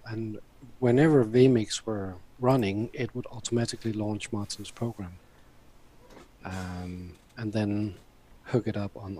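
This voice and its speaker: A man on a casual panel chat, talking in a hesitant, thoughtful, halting way. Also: on the low side, darkish tone, husky. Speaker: show panelist.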